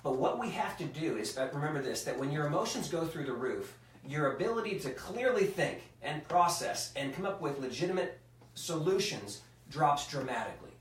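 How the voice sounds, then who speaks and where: A man's voice: on the high side, very animated, normal speed, reverberant, distant mic, slight background noise, poor audio. A man hosting a casual live podcast, arguing his point emphatically with frequent restarts. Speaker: show host.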